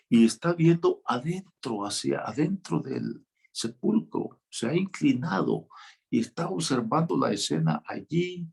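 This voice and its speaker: A man's voice: medium pitch, vocal fry, a little mellow, husky. A man preaching a sermon as a pastor, teaching in a conversational way with light jokes.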